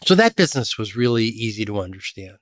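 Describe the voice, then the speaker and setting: A middle-aged man from Chicago, a guest in an interview, telling lively stories about his career. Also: fast talker, no echo, clean studio sound. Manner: animated storyteller, lively pitch jumps. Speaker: podcast guest, association executive. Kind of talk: storytelling interview.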